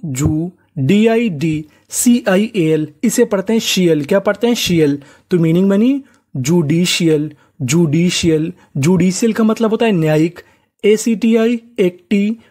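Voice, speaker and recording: A man's voice: sits high, darkish tone. A man teaching an English spelling lesson step by step, patiently breaking words into syllables and repeating each one as he asks the class.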